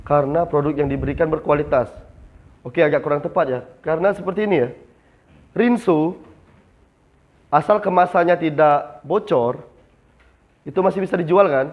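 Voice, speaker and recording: A man's voice: a little high, normal speed, long pauses. A young man training new retail staff in a classroom, asking the class questions and answering them himself. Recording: slightly dull lo-fi sound.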